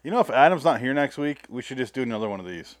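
A man's voice: mid-range voice, lively intonation, very fast, no echo. Casual man hosting a podcast, dry sound. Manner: loose, swearing, frequent restarts. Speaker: podcast host. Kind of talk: casual chat.

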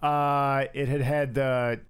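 A man's voice: medium pitch, level tone, takes it slowly, clear, resonant tone. A man co-hosting a film review show in a casual, conversational way.

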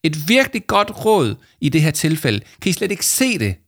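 A man reading a storybook and voicing a hot-tempered teenage girl who stammers and flares up. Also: big pitch swings. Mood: furious. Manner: stammering, shrill outbursts.

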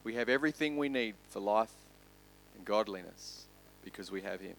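A man pastor preaching a sermon, building loud and quick through lists and then dropping to soft, slow emphasis. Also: on the low side, gravelly, a little hiss or hum.

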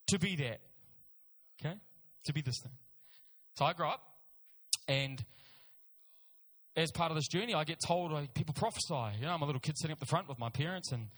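Preaching in a reverberant hall, the middle-aged New Zealander from Auckland has a high-pitched, fairly bright voice. His sermon is built on personal stories, emphatic repeated phrases, and informal asides.

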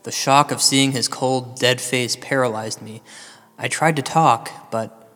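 A man's voice: medium pitch, fairly even intonation, a little slow, sharp tone, faint music behind. A man playing an ominous late-night paranormal host, cavernous reverb. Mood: ominous, wry storytelling. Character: paranoid, self-pitying male paranormal radio host telling ghost stories. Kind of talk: scripted audio drama monologue, ominous late-night radio storytelling. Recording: long hall-like reverb.

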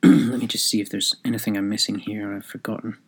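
Rambling man with a husky voice. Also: on the low side, fairly even intonation, quick pace. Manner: rambling, thinking aloud, with restarts; reads aloud from his own written review. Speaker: podcast host. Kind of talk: solo podcast monologue.

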